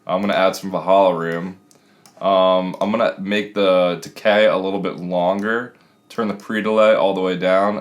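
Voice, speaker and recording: In a small home room, a man in his thirties works as a music production tutor, talking casually and explaining things step by step. His voice is low-pitched.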